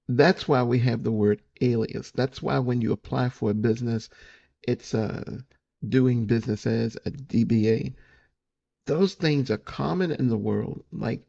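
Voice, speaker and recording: A man's voice: medium pitch, gravelly, warm tone. A man in his fifties, a relationship coach giving blunt, opinionated reaction commentary on a dating show. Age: 50s. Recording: dull lo-fi audio.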